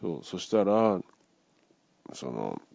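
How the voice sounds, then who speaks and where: Gravelly low-voiced man recounting a dream. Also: very animated, takes it slowly, darkish tone, dry recording. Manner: acts out the voices of people in the story. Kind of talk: casual retelling of a dream. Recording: dull lo-fi dry recording.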